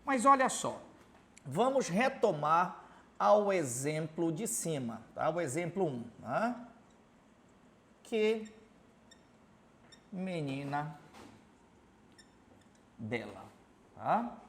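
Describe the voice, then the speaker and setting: A man from Belém, Pará, Brazil, with a Paraense accent, teaches a Portuguese grammar lesson in a high, sing-song, fairly bright voice at a slow pace. He writes examples on a board, keeps asking rhetorical questions and ends lines with "tá?".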